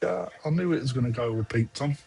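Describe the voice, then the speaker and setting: A man's voice: medium pitch, quick pace, gravelly, dark tone, breathy edge. A man hosting a casual online fish auction, chatty and a bit distracted as he juggles several windows. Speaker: online koi auction host. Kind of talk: casual livestream auction chat.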